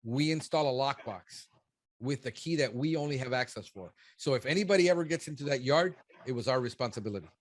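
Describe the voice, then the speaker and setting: A man's voice: mid-range voice, expressive, quick pace, dry recording. Blunt man in his fifties, coaching. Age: 50s. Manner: blunt, emphatic, speaks man to man. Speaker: pest control business consultant. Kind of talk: frank one-on-one business coaching.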